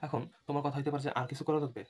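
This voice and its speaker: A quick-paced man lecturing students through an exam-prep lesson. He spells words out letter by letter and keeps asking whether the class is following. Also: on the high side, level tone, a little mellow, slight background noise. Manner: repeatedly checks understanding, spells words letter by letter. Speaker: English teacher for admission test prep. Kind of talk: online lecture.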